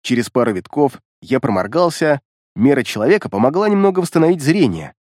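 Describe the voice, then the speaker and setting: A man reading a first-person fantasy audiobook in an expressive, dramatic way. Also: medium pitch, fairly quick, dry recording, clean studio sound. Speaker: audiobook narrator.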